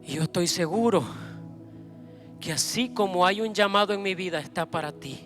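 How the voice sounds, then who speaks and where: A man preaching a sermon with fervour, building up to loud proclamations. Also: high voice, moderate pace, soft background music. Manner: fervent, rising to loud proclamations.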